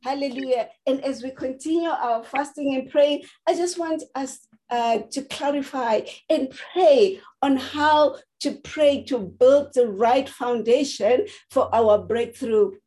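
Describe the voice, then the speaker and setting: High-voiced woman pastor preaching fervently. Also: a little slow, dark tone. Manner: fervent preaching with repeated declarations. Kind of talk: sermon. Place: online prayer service.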